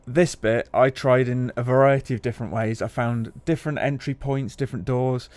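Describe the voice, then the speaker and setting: A man's voice: medium pitch, normal speed, dry recording. Guy, laid-back chatty games talk, swears a bit. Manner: relaxed, chatty, swears casually. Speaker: games journalist, co-host. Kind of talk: casual chat over gameplay footage.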